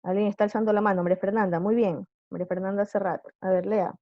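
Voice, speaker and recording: A woman's voice: mid-range voice, fairly even intonation, fast talker, no room sound, dull audio. A woman teacher giving a live online class, patiently quizzing her students with questions.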